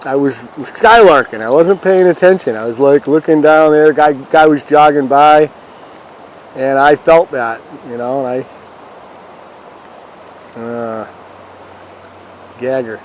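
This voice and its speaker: Standing in a river, a man hosts a fishing vlog, talking to his audience in a relaxed, homespun way as he fishes. He speaks at medium pitch, slowly, with long pauses. Audio quality is low, though outdoor river and background noise are clearly audible.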